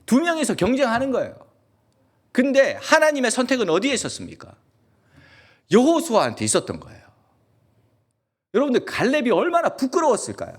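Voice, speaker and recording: A male pastor with a Gyeongsang accent, preaching a lively sermon and asking the congregation question after question. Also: very high voice, brisk, long pauses, breathy edge. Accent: Gyeongsang Korean. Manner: animated, asks the congregation many questions; acts out quoted voices in dialect. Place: church sanctuary.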